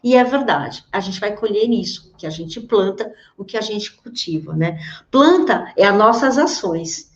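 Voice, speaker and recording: A Brazilian woman hosting a live teaching session, talking fast and tagging her sentences with quick checks on her listeners. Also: mid-range voice, lively intonation, echoey room, dull audio. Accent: Brazilian Portuguese. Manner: fast talker, admits rushing her words; peppers sentences with tag questions. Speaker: host of a live coaching session for health professionals. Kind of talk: live-streamed teaching talk.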